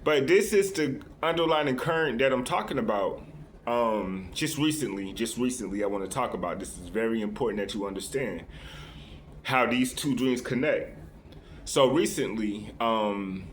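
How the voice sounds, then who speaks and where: A man's voice: lowish voice, a little hiss or hum. A man talking straight to his viewers in a loose, unscripted monologue, earnest and confiding, often restarting and tagging "right?" onto his sentences. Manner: rambling, many restarts and "right?" tags. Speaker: vlogger addressing his viewers.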